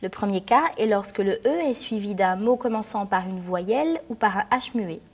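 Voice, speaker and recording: A woman teacher narrating a scripted lesson in a clear, measured, explanatory way. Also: medium pitch, a little mellow. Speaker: French teacher.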